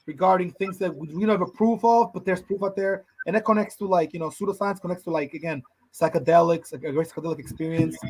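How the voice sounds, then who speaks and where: A man's voice: high-pitched, a little mellow, low-quality recording. A man co-hosting a podcast in casual chat, rambling and often calling his partner "bro". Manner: rambling, fast, says "bro" a lot. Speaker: podcast co-host.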